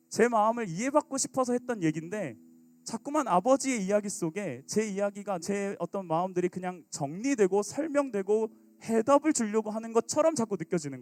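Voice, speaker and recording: Animated male youth pastor preaching. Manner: animated, acts out teen sulking and quotes with big pitch jumps. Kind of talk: youth sermon.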